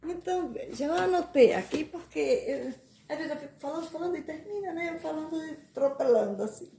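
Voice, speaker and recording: In a casual, rambling monologue, a woman explains the letter sounds in names, repeating words and laughing at herself now and then. Her voice sits high and is animated, brisk, creaky and mellow, picked up by a distant mic in an echoey room with faint background noise.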